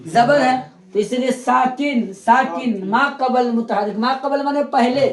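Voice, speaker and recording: A man's voice: very high voice, a little slow. Male teacher drilling a class, echoey room. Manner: drills terms by repetition, quizzes students. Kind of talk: classroom grammar lesson. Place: classroom with a board.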